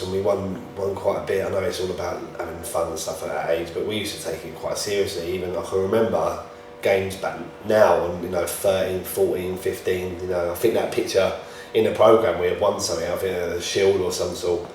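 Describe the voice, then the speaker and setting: A man's voice: low-pitched, steady tone, fairly quick, few pauses, darkish tone. A man who plays football, chatting casually and telling anecdotes in a matey way. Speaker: football player. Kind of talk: casual group chat. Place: reverberant indoor room. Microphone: distant from the speakers. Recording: very echoey room, distant mic, faint noise.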